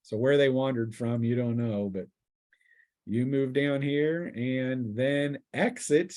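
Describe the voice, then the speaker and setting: As game master of a fantasy tabletop session, this man narrates conversationally and descriptively, frequently breaking off mid-sentence as he makes things up. His voice is mid-range with a darkish tone.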